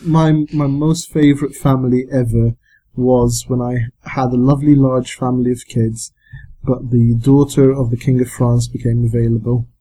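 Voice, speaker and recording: A man's voice: mid-range voice, level tone, moderate pace, dark tone, low-quality recording. A man on a casual podcast, telling a story in dry, clipped beats. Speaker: podcast co-host.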